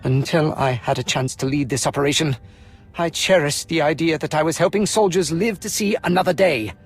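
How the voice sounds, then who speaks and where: In a dramatic video game performance, a man plays a proud, idealistic Imperial colonel pleading his own defence formally and earnestly. He sounds impassioned and defensive, his voice rather high, brisk and slightly rough, over soft background music.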